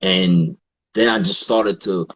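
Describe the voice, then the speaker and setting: A man guesting on a podcast, telling stories in a relaxed, casual way and acting out what others said. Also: sits low, slow pace, breathy edge. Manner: relaxed, quotes others in animated asides, frequent fillers. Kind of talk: casual storytelling in conversation.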